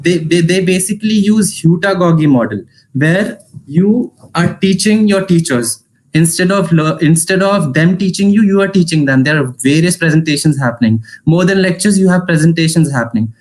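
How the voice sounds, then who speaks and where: A man in his twenties with an Indian accent gives an informal online talk as an alumnus. He speaks quickly, slips Hindi phrases into his English and often restarts his sentences. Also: a little high, darkish tone, low-quality recording. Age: 20s. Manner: fast talker, mixes Hindi into English, frequent restarts. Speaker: alumnus giving a career talk. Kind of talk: informal online info session.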